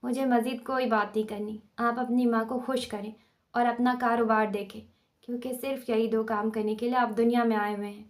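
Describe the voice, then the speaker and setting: Woman doing angry sarcastic young wife, ranty, kinda high but flat. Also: natural voice. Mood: accusing. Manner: ranting and sarcastic. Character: young wife, fiery and indignant.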